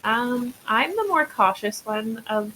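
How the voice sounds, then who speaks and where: A woman's voice: on the high side, lively intonation, slow pace, pushed and bright, a little hiss or hum, rough recording. A woman being interviewed as a guest, chatting easily and telling stories with frequent laughs. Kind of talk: casual interview.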